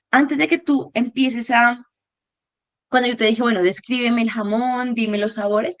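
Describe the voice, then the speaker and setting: A woman's voice: a little high, no room sound. A woman psychologist, explaining coping exercises conversationally over a video call and often checking that she is understood. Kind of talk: explaining therapy exercises in a virtual session.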